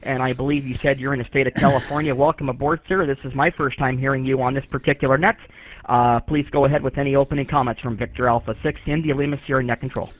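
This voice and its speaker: A man's voice: medium pitch, steady tone, quick pace, no echo. A man running an amateur radio net as net control, heard over a ham radio receiver, polite and formal, with many "uh" fillers as he spells out call signs in the phonetic alphabet. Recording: tinny radio receiver audio.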